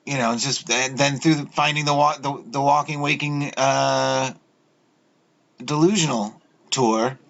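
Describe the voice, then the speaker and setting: A man hosting his own video, talking in a halting, rambling way with many fillers and restarts as he goes through pictures. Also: mid-range voice, fairly even intonation, creaky, fairly bright tone. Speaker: video host. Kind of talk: rambling solo video talk over images. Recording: dull lo-fi audio.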